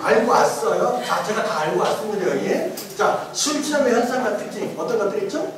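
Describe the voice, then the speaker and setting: A middle-aged man, a pastor teaching his congregation, quizzing them with jokes and laughter, then building to emphatic shouted refrains. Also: high voice, expressive, a little fast, crowd noise. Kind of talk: interactive sermon teaching. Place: large church hall with congregation. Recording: echoey hall, distant mic, congregation audible.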